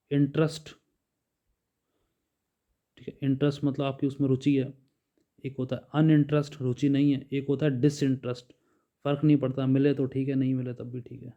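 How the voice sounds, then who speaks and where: A man's voice: mid-range voice, level tone, normal speed, long pauses. A man teaching a bilingual vocabulary lesson, reading word lists and explaining each in Hindi with frequent "ठीक है". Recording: dull lo-fi recording.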